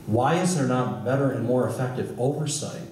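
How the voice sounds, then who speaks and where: A man's voice: mid-range voice, moderate pace, a little mellow. Man firing questions in an echoey hall. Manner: pointed rhetorical questions. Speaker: public hearing speaker. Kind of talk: public comment at a hearing. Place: large hall with wooden stage. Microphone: podium mic on a stand. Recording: echoey hall from far off, noisy.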